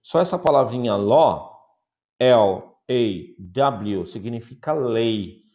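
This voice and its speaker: A Brazilian man teaching an English grammar lesson. He models the example sentences slowly and carefully, repeats them for drilling, and keeps checking that his students follow. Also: medium pitch, expressive, lo-fi sound. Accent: Brazilian Portuguese. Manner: repetitive drilling with frequent check-ins.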